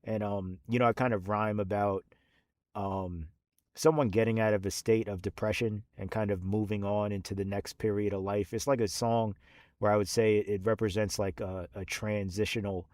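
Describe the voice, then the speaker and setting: A man's voice: lowish voice, fairly even intonation, moderate pace, darkish tone, no room sound, studio quality. A man in his thirties, a rapper, talks about his album in a rambling, casual monologue full of fillers and restarts.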